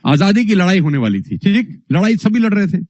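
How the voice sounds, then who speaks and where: A man giving a motivational lesson as a speaking trainer, energetic and animated, acting out his examples. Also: high-pitched, fairly quick, dry recording. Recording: dull, dry recording.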